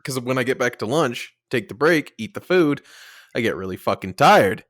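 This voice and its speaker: A man's voice: medium pitch, lively intonation, moderate pace, fairly bright tone, no room sound, studio quality. A young man co-hosting a podcast, telling crude stories in casual chat. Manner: profane storytelling, frequent laughs. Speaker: podcast co-host.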